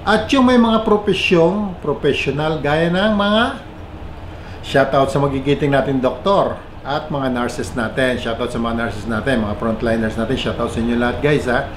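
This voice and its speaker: A Filipino man with a Filipino accent vlogging in a chatty explainer style, mixing English and Filipino and giving shoutouts to viewers, his voice rising and falling in pitch and loudness. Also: moderate pace. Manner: pitch and loudness swing up and down a lot. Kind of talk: casual vlog explainer. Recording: echoey room with faint background noise.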